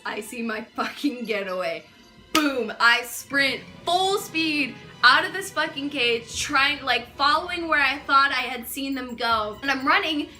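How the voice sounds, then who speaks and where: Bright, chatty young woman telling a story. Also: high voice. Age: young adult. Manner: chatty, animated, swears a lot, many fillers. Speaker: vlogger. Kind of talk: casual storytime.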